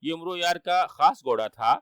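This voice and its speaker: A man narrating a children's story in a steady, expressive way. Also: on the high side, smooth, no room sound.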